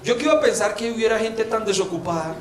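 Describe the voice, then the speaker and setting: A man's voice: high voice, expressive, quick pace, background noise. A man with a Colombian accent co-hosting a comedy podcast, telling stories and mimicking his friend in a teasing way. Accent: Colombian Spanish. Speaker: podcast co-host. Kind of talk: casual comedic podcast banter. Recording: roomy sound with audience laughter.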